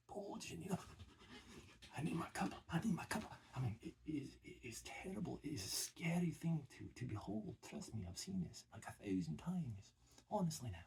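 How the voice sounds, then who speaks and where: A man's voice: a little high, a little mellow. A man with a put-on Scottish accent gives a mock-serious comic warning, filling it with "you know" and dropping into whispers. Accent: put-on Scottish, attempted. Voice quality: very breathy. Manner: grave warning tone, heavy "you know" fillers, drops into whispers. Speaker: comedy sketch performer.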